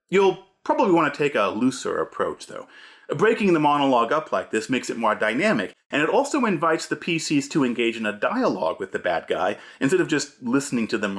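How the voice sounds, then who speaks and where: A man hosts a scripted video essay about running tabletop games, advising fellow game masters. His pitch is very lively, swinging widely for emphasis, and his punchy delivery has a slightly theatrical edge.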